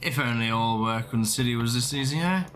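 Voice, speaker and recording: A man's voice: mid-range voice, a little fast, over music, lightly acted. A man voicing a chatty old male merchant, reading game dialogue with a folksy, attempted Irish lilt. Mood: cheery.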